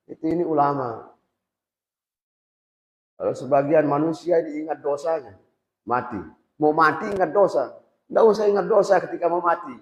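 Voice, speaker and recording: A man's voice: a little high, a little mellow. A man teaching an informal religious lesson to boarding school students, talking conversationally and putting questions straight to them. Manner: conversational, quizzes students directly. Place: boarding school prayer hall. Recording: echoey hall, dull lo-fi sound.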